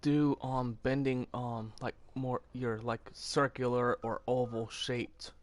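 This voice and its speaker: A man co-hosting a casual gameplay chat, making relaxed, easygoing remarks. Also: medium pitch, slow, no room sound. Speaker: co-host and fellow player.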